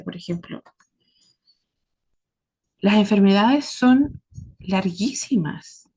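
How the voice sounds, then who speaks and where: Her tone is darkish and her pitch medium as she delivers a reflective talk, earnest and deliberate, in short phrases with pauses. She is a woman from southern Chile with a Chilean accent who hosts a series on caregiving.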